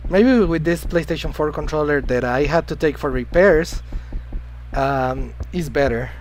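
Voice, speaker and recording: Over poor audio with slight background noise, a man speaks in a higher voice at a measured pace. He streams a video game live, casually rambling, greeting viewers and answering chat, and coughing occasionally after being sick; Spanish is his native language.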